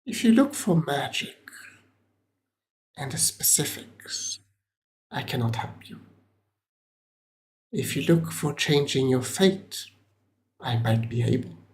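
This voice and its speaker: A man voicing a cryptic male trader of glowing trinkets, speaking in a sly, secretive hush. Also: medium pitch, sing-song, slow, long pauses, slight background noise.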